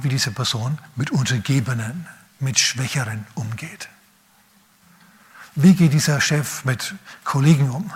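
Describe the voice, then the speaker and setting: A male pastor preaching a sermon, speaking emphatically and throwing rhetorical questions at the listener, swinging between urgent raised phrases and quiet low asides.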